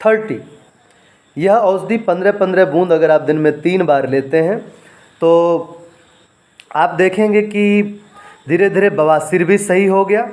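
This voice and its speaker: A man teaching home remedies, dictating ingredient lists slowly and repeating and spelling out words for listeners to write down. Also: sits high, darkish tone. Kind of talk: instructional home-remedy talk.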